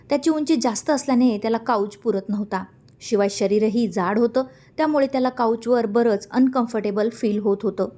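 A woman narrating a story in a calm, even reading voice. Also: fairly high pitch.

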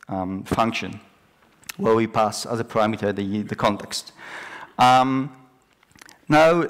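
A young man presenting a technical talk on a large conference stage, explaining step by step with frequent ums and restarts. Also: medium pitch. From Poland. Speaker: conference speaker.

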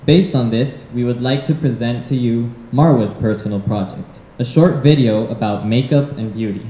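A man's voice: mid-range voice, normal speed, mellow, a little hiss or hum. A young man, a student presenter, reading prepared remarks from his phone into a handheld mic at an event. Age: young adult. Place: dim event hall. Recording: roomy hall echo.

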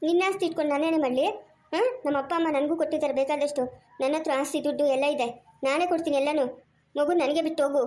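A defiant foster mother scolds sharply and refuses to give up the child, played by a woman in a homemade family skit. Her voice is very high and her words come quickly. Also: steady tone, a little mellow, reverberant, natural voice. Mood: dismissive. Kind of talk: amateur family skit acting.

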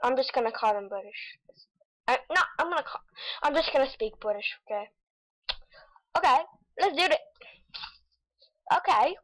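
A woman giving excitable gameplay commentary, with frustrated outbursts and silly nonsense sounds. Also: high-pitched, moderate pace, long pauses, low-quality recording. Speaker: gamer. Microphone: desk mic with face cam.

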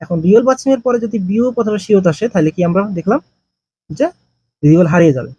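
A man teaching a language grammar lesson, explaining slowly and answering his own questions. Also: high-pitched, animated, mellow, slightly rough, dry recording.

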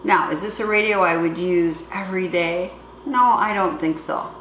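Her voice low-ish and fairly bright, moving at normal speed, a middle-aged product reviewer shows off an item hands-on in a relaxed, plain-spoken, explanatory style. She's filmed in her home kitchen from a few feet away, and the sound carries roomy echo plus faint background noise.

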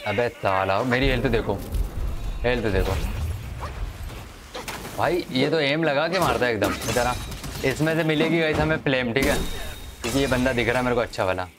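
A man's voice: mid-range voice, moderate pace, long pauses. A man giving casual, chatty commentary over his gameplay, talking to the viewers and to the enemies, with game music underneath. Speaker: gaming commentator.

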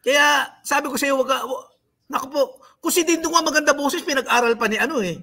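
A man's voice: extremely high pitch, brisk, sharp tone. A man hosting a livestream, mocking and scolding the people he talks about in a rant. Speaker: livestream host. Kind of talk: live-stream commentary.

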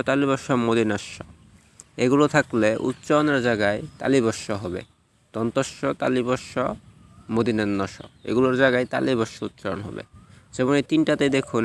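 A man's voice: medium pitch, a little hiss or hum. A young man teaching an exam-prep pronunciation lesson, explaining rule by rule and answering his own questions.

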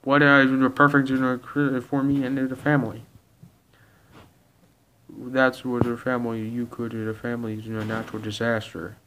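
A man reading aloud and voicing a grumpy, gruff male ogre who is a father wanting a quiet holiday with his family. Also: mid-range voice, monotone, normal speed, a little hiss or hum, poor audio. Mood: grumbling.

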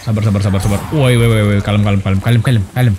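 A young gameplay streamer races through casual let's play commentary in a lowish voice, over a noisy background with game music. He's excitable and playful, cracking jokes in slang and squealing while he plays.

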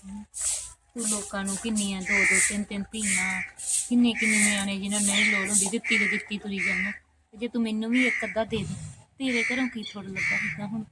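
A woman playing a childless village woman who halts and pleads softly with her sister-in-law for a son. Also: medium pitch, flat delivery, natural voice. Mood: wistful. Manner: pleading, halting, soft-spoken. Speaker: sister-in-law's visitor. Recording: loud background noise, crows cawing.

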